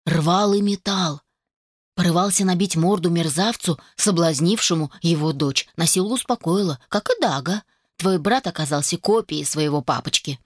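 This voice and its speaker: A woman's voice: fairly low pitch, normal speed, no echo, clean studio sound, lightly acted. Woman voicing a nagging mother. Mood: indignant. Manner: nagging, insistent. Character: fussy middle-aged mother, pushy and doting. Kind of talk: audiobook character voice.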